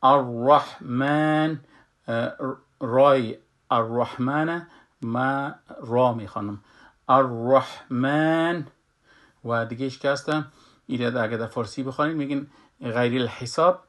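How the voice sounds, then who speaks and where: A man teaches Quran pronunciation at a middle pitch. He sounds each Arabic word out slowly and with force, repeating it, then explains the rule in quicker everyday speech. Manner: demonstrates Arabic words slowly and loudly, then explains briskly. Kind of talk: tajwid lesson.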